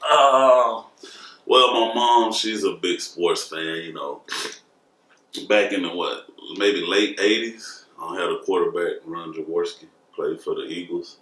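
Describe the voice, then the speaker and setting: A man's voice: sits low, measured pace, a bit bright. Laid-back, jokey man in his thirties. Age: early 30s. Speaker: guest husband. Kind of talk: casual chat. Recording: echoey room, mic at a distance.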